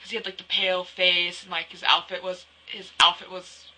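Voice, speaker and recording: A teenage girl vlogging casually, rambling excitedly through fangirl stories. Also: lowish voice, brisk, low-quality recording. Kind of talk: casual vlog chat.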